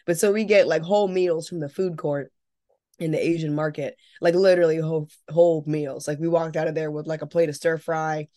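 A young adult woman co-hosting a podcast, telling an animated, casual story with some swearing. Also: low voice, a little fast. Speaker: podcast co-host. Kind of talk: casual chat.

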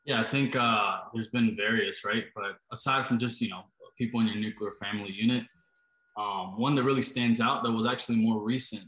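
A man's voice: on the low side, steady tone, brisk, pushed and bright. A man from Costa Rica, a startup founder, answering interview questions hesitantly, with many fillers. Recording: roomy, echoey sound.

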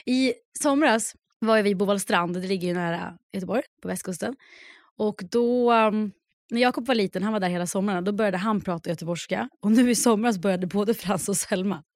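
A woman in her thirties from Södermanland, co-hosting a podcast in lively, teasing casual chat on a close mic. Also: medium pitch, no echo. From Södermanland, Sweden. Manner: lively, teasing, laughs often. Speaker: podcast co-host.

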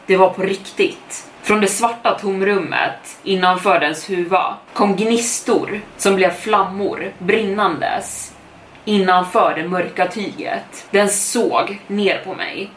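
A woman telling a first-person horror story as a podcast storyteller, in a measured, suspenseful reading. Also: medium pitch. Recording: echoey room, distant mic, faint noise.

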